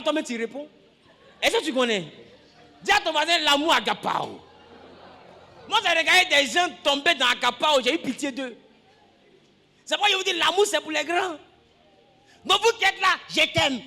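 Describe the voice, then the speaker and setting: A pastor preaching a lively sermon, acting out scenes, shouting and laughing with the congregation. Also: male voice, extremely high pitch, big-room sound.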